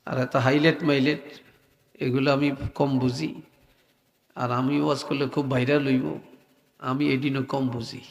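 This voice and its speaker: A man preaching a sermon, telling a story slowly and softly, sometimes in a sing-song chant. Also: medium pitch, level tone. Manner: slow, soft-spoken storytelling, sing-song chanting at times. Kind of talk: Bengali waz sermon. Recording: echoey hall.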